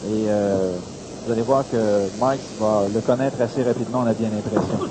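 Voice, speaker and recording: A man's voice: fairly low pitch, fairly even intonation, a little fast. A man with a Quebec French accent giving conversational play-by-play boxing commentary. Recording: noisy broadcast with hiss.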